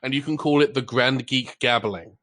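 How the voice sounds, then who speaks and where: Male comic guest, bright forceful voice, sarcastic and quick. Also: mid-range voice. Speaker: comedian guest. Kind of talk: casual panel chat.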